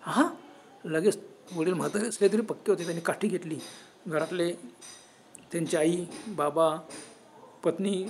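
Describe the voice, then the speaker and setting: Husky high-voiced Marathi man telling a horror story. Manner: animated, acts out quoted voices.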